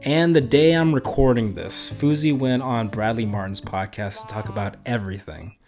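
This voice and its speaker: A male host delivers informal, opinionated commentary with sardonic emphasis. His pitch is average, and light music plays underneath. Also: moderate pace, darkish tone.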